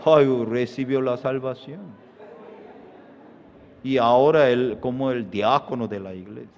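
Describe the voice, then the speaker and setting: Pastor preaching slow, squeaky voices for the characters, echoey church hall, kinda muffled. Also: male voice, slight background noise. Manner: animated storytelling, jumping into high squeaky voices for quoted people. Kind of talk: sermon with acted-out anecdote. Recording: dull sound in a reverberant church hall.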